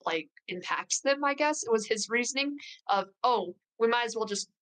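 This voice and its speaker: A woman's voice: a little high, expressive, normal speed, fairly bright tone. A woman talking casually as a player in a tabletop game. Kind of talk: casual chat.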